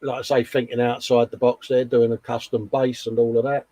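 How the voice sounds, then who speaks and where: A man's voice: mid-range voice, little pitch movement, brisk, dark tone, dry recording. A man co-hosting a casual hobby show, reading out posts in a chummy, colloquial way, often calling people mate. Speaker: co-host of a hobby live show.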